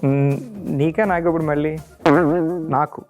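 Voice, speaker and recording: A man hosting a talk show, teasing his guest in quick, playful banter. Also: fairly high pitch, little pitch movement. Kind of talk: playful casual chat. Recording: loud music underneath.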